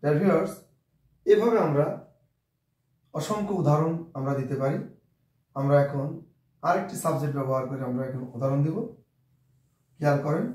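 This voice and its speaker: A man with a Bengali accent teaching an English grammar lesson slowly and deliberately, spelling sentences out word by word and addressing dear viewers again and again. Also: fairly high pitch, darkish tone, reverberant, far from the mic. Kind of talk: slow classroom-style grammar lesson.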